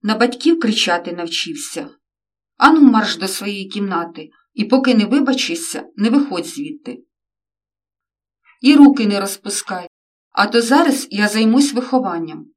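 A furious, scornful middle-aged father who shouts down his teenage son, as a woman reading a story puts him on. The voice sits at an ordinary middle height, heard a bit back from the microphone. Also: mid-range voice, very animated, normal speed, far from the mic. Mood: angry. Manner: loud, scolding.

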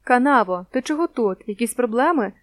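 A woman voicing a hot-headed, loyal teenage boy who talks bluntly and forcefully, in a storybook reading. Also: on the high side, lively intonation, a little fast, no room sound, clean studio sound, close to an everyday voice. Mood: urgent.

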